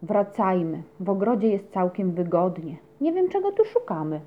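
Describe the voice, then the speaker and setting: Storybook role: a woman playing a reluctant, grumbling male house cat, middle pitch, dull recording. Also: very animated, moderate pace, lightly acted. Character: lazy comfort-loving grumpy male tomcat.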